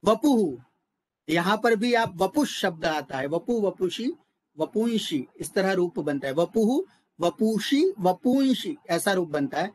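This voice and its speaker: Slow, methodical male lecturer. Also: high voice, animated, darkish tone, dry recording, poor audio. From India. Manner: slow, methodical, spells out words. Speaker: Sanskrit lecturer. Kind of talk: grammar lesson.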